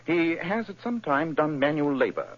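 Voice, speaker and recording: An actor playing Sherlock Holmes, a sharp, precise detective, in a 1940s radio drama from a dull old broadcast. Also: male voice, on the high side, normal speed, natural voice. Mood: brisk. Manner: crisp, precise, lively deductions.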